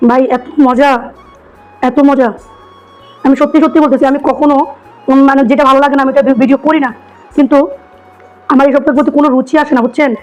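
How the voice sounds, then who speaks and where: A hoarse woman with a cold, chatting enthusiastically as she tastes food for her vlog. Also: high voice, level tone, fast, pauses often, a little mellow, muffled recording, faint music behind. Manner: chatty, enthusiastic, repeats herself. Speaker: food vlogger. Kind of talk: casual food-tasting vlog.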